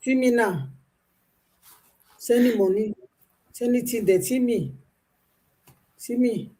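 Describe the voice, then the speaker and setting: A woman chats as a guest in a casual talk, speaking Nigerian Pidgin. Her voice sits a little high but sounds warm and dark. She complains in short, indignant bursts. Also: takes it slowly. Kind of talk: casual conversation.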